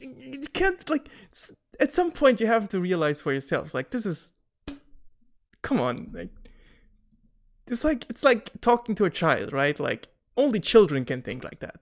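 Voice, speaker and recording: A man, a podcast guest in casual chat, animated and quick to laugh, often restarting his sentences. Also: high-pitched, gravelly. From Germany.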